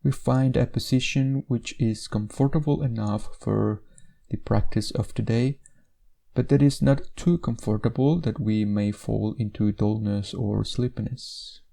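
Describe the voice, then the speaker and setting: The voice here belongs to a man guiding meditation: somewhat low, easygoing, and noticeably creaky. His instructions come steadily and deliberately, each phrase followed by a gentle pause.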